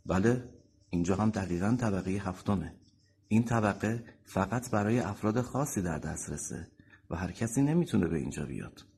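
A man's voice: sits low, expressive, a little mellow, breathy edge, heavily acted. A man voicing a firm, assured company chief of about forty in an audiobook reading.

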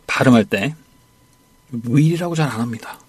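A man leads a radio English lesson in a playful, teasing way. His voice sits at a middle pitch and sounds dry and close. He coaches and encourages as he drills phrases. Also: measured pace, slightly rough, no echo. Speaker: English teacher.

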